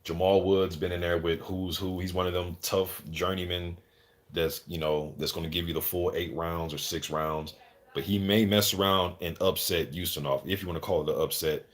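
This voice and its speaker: A man's voice: low voice, little pitch movement, moderate pace. A man hosting a live boxing commentary stream, chatting casually with viewers in slangy, informal talk with some swearing. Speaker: livestream host and boxing commentator.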